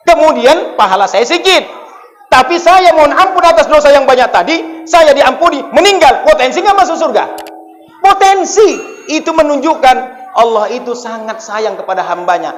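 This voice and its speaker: A man's voice: extremely high pitch, expressive, normal speed, a bit bright, in a large hall. A male preacher from North Sumatra giving an emphatic sermon in a mosque, putting questions to the congregation. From North Sumatra, Indonesia.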